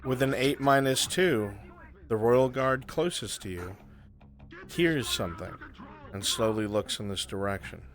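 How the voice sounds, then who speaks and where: Over voice chat in a virtual reality game, a man serves as game master, narrating a live improvised roleplay and giving players brief directions. His medium-pitched voice is expressive and fairly bright, and he keeps a measured pace.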